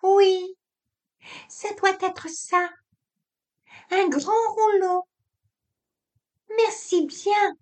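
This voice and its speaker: A woman voicing a nervous young wife, speaking in a high, thin, timid voice. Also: steady tone, drawn-out words, long pauses, full character voice. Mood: polite.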